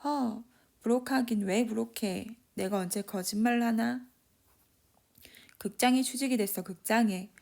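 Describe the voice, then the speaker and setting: A man's voice: very high voice, measured pace, creaky, darkish tone, exaggerated voice. A woman voicing a drunken, boastful one-armed father who rambles and scolds in Gyeongsang dialect.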